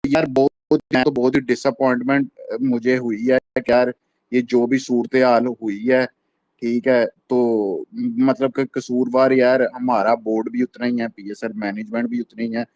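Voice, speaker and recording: A man's voice: medium pitch, flat delivery, measured pace, a little mellow, no echo. A man in a casual audio chat, complaining in a disappointed way about how the league is run. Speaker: caller in a cricket audio chat. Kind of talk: casual rant.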